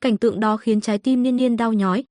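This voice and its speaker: A woman reads a story aloud in a steady, even manner. Her voice is a little high, and the recording is dry and close with no room sound. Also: fairly quick, dry recording. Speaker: narrator. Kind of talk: audiobook narration.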